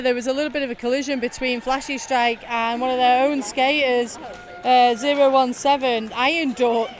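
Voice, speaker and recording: High-voiced Northern English woman commentating. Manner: chatty, laughing banter with co-commentator. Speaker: roller derby commentator. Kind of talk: live sports commentary.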